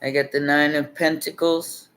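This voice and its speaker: A man's voice: on the high side, little pitch movement, normal speed, a bit bright. A man giving a casual livestream tarot reading, laid-back and chuckling as he rambles, sounding tired with his voice nearly worn out. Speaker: tarot reader.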